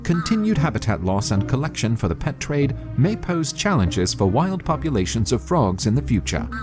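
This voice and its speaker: A man's voice: mid-range voice, big pitch swings, normal speed. A man narrating a scripted nature documentary as a voice-over. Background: prominent background music.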